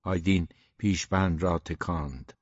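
A man narrating a novel aloud in a steady, measured reading, in a dull, dry recording. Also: sits low, no room sound. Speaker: audiobook narrator.

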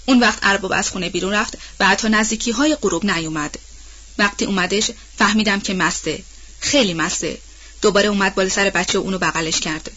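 A woman's voice: mid-range voice, pushed and bright, breathy edge, dull audio. A woman voicing an anxious, gossipy old household nanny woman in an audiobook, talking in a rambling, colloquial way. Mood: worried. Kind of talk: audiobook role-play reading.

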